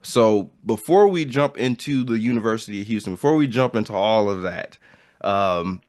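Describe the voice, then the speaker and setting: A man's voice: on the low side, expressive, moderate pace, a little mellow, no room sound, clean studio sound. A man hosting a podcast in casual chat, opening with upbeat intros and repeated phrases. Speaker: podcast host.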